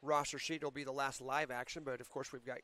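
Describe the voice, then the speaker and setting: A man commentating a high school wrestling meet, chatty and explaining rules and team scores. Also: flat delivery, fast talker, bright, forceful tone. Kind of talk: local sports commentary. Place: school gym.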